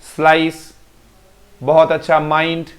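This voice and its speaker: A man's voice: fairly high pitch, completely flat delivery, takes it slowly, a bit bright. A male teacher in a live online class, repeating words to drill pronunciation and praising students by name. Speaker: English teacher.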